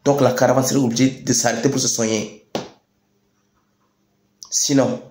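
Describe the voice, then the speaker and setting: A man's voice: mid-range voice, little pitch movement, darkish tone, a little hiss or hum. Echoey, emphatic young Chadian man speechifying. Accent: Chadian French. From Chad. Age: young adult. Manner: emphatic, deliberate, with repeated phrases and rhetorical questions. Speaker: youth activist speaker. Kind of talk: rousing political address to youth. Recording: echoey room sound.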